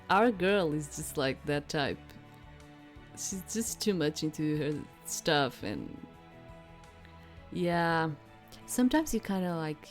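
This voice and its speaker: A woman's voice: deep voice, darkish tone. A woman streaming a mystery game, not a native English speaker, chatting in a rambling way and reading the narration. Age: adult, grew up before handkerchiefs went paper. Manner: rambling, lots of "like" fillers.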